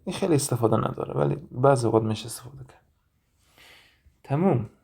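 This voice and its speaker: A man gives a recorded anatomy lecture in a mellow, mid-pitched voice. He moves through each term step by step, putting questions to his listeners and then answering them himself. He thinks aloud as he goes, with frequent pauses. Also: expressive, creaky, slightly rough. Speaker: anatomy instructor. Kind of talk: recorded lecture with drawing and reading.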